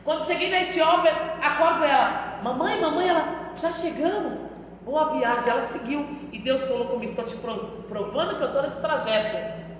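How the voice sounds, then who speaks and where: Brazilian woman missionary sharing her testimony, high voice, long church reverb, dull sound. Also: moderate pace, a little hiss or hum. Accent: Brazilian Portuguese. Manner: emphatic, addresses the pastor often. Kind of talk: testimony preaching. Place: church hall.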